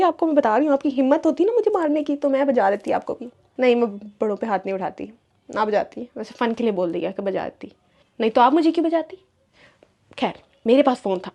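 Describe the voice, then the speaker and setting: Fast, chatty young Pakistani woman. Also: on the high side, warm tone. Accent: Pakistani Urdu. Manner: chatty and dramatic, mixing in English phrases. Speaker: vlogger. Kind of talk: casual storytime.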